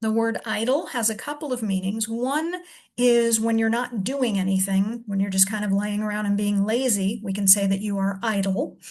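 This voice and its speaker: A woman teaching a reading lesson, patiently sounding out syllables slowly and explaining each step. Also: mid-range voice. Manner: slow, deliberate sounding-out of syllables.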